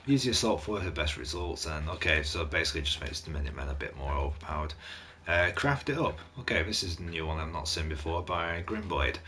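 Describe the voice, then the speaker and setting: A man's voice: a bass voice, animated, a little fast, pushed and bright, a little hiss or hum. A man hosting a gaming channel, giving a casual mod review commentary in an off-hand way, reading descriptions aloud with blunt asides, his voice starting to go.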